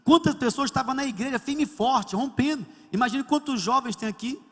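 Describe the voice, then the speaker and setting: Fast, high-voiced preacher in a reverberant hall. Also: male voice, a bit bright. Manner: storytelling preacher acting out dialogue. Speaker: pastor. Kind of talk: sermon. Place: large church hall. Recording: long church hall reverb.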